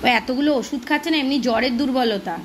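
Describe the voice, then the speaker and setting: A woman from Kolkata talks casually to her camera at home. Her voice is hoarse and a little high, and her rambling, weary talk sounds fretful. Faint noise sits behind her. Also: fast. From Kolkata, West Bengal. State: hoarse, sore throat. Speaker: vlogger, mother of a baby. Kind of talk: casual home vlog chat. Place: home indoors.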